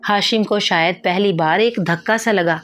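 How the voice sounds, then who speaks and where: A woman narrating a moral story in a steady, expressive reading. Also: medium pitch. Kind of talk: scripted narration.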